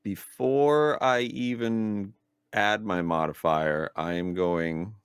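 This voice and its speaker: A man's voice: fairly low pitch, steady tone, slow pace, clean tone, no echo. A man playing in a tabletop game, loose and playful, often chuckling. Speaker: player.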